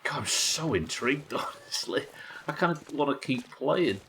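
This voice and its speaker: A man giving casual live commentary as he streams a video game, thinking out loud. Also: mid-range voice, animated, normal speed, creaky, rough recording. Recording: faint background noise.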